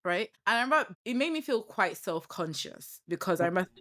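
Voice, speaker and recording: A young Nigerian woman hosting a podcast, speaking with a Nigerian accent. She tells her stories with animation, slipping into quoted asides, in a voice of middling pitch. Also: very animated, a little fast, fairly bright tone. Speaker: podcast host. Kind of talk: casual interview chat.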